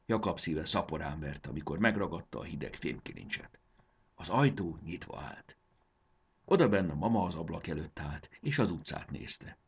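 Low, husky male storyteller. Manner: expressive, voices characters. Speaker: narrator. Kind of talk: storybook narration.

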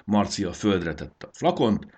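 A man narrating a children's story in an expressive, animated reading. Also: on the low side, husky.

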